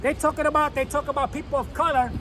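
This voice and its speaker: A man in his fifties from New York, heckling at an outdoor rally, shouting and repeating taunts in English and Spanish. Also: very high voice, little pitch movement, fast talker, music in the background. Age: 50s. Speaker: street protester. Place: outdoors by a city building. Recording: crowd and street noise. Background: crowd, traffic.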